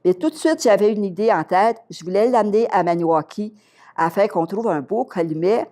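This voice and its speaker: An older woman with a Québécois French accent, from Quebec, speaks briskly at a medium pitch. She's a retired teacher appearing as an interview guest, telling a story in a lively way and acting out its dialogue.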